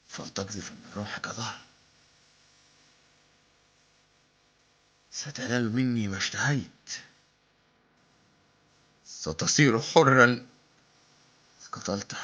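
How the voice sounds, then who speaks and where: A man's voice: lowish voice, breathy edge. A man acting a tormented, remorseful killer in a hammy, declamatory theatrical verse monologue. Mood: dark, brooding. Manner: hammy, declamatory, swinging from hushed to shouted. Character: Wahshi, tormented remorseful killer confessing his guilt. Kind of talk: theatrical stage monologue in classical Arabic verse. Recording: dull lo-fi recording.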